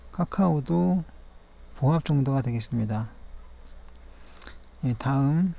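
Gravelly, mellow-voiced man reviewing stock charts. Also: fairly high pitch. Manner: measured, formal and polite, pauses to correct himself.

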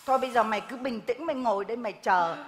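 A woman's voice: on the high side, racing, heavy background noise, natural voice. A woman playing a bossy village woman who scolds and lectures a pregnant neighbor in a live comedy skit. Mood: scolding. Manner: scolding, lecturing, loud and exaggerated. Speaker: comic stage actor. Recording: reverberant live stage hall.

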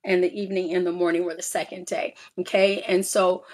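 A woman talking through a Bible passage in a relaxed, conversational way. She keeps checking in with "all right?" and "right?", drifts through "um"s, and moves between reading verses and explaining them as if to a small group. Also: fairly low pitch, brisk. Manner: reads scripture aloud then explains with frequent "all right?" and "um". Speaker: Bible study teacher.

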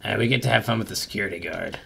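A man hosting a casual roleplay, showing off characters and bursting into shouted swearing. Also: lowish voice, very fast, vocal fry, very noisy. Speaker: roleplay host.

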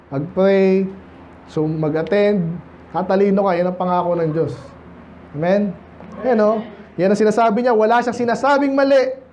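A Filipino man preaching a blunt, scolding sermon in a church, switching between Tagalog and English and slowing down to quote scripture. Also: sits high, a little mellow, dull audio, slight background noise. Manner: blunt, scolding, asks the congregation frequent questions. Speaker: pastor.

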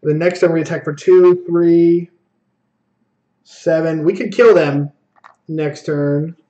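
A man's voice: on the high side, steady tone, dark tone, muffled recording. A young man streaming a card game, thinking aloud and scolding himself for his own plays in casual commentary. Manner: self-critical, thinking aloud, quick asides. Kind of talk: live gameplay commentary.

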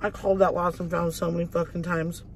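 A woman's voice: on the low side, little pitch movement, fast, darkish tone, a little hiss or hum. A woman vlogger telling a casual story while eating in a car, chatty and full of swearing and "like". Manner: chatty, profane, lots of "like". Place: inside a parked car.

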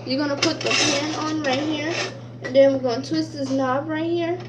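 A young woman with a high voice chats her way through a casual cooking vlog. She talks straight to her viewers from a small kitchen, with frying and sizzling noise clearly audible behind her on a camera set on the counter. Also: fairly even intonation, moderate pace. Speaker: vlogger.

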